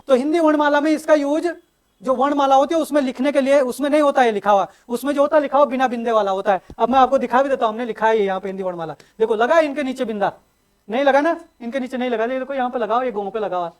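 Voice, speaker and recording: Man, very high voice, coaching teacher, asks and answers his own questions. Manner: asks the class questions and answers them himself; drawn-out emphatic repetition of sounds. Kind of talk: Hindi grammar lesson.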